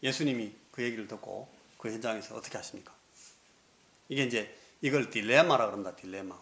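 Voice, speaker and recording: A man's voice: fairly low pitch, fairly quick, a bit bright. A male pastor preaching a sermon, telling the story vividly and acting out the scenes.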